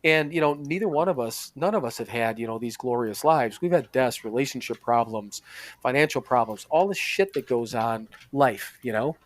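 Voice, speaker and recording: A man's voice: medium pitch, lively intonation, moderate pace. A man co-hosting a podcast in a casual chat, rambling and profane, with plenty of restarts. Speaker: podcast co-host.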